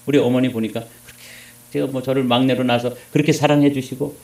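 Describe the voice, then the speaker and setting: A man preaching a sermon as a pastor, moving between loud emphasis and hushed asides while asking the congregation questions. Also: medium pitch, level tone, quick pace, gravelly, reverberant. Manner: addresses congregation with rhetorical questions.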